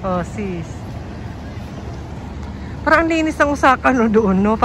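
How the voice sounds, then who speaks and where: A woman from the Philippines vlogging casually, quick and chatty, mixing in English words. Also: a little high, expressive, a bit bright, rough recording. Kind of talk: casual vlog chat. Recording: phone audio with street noise.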